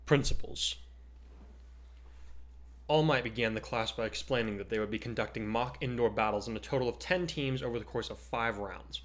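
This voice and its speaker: A man with a mid-range voice talks at normal speed as an informal podcast host. He chats casually and also gives dramatic readings of fiction he wrote himself.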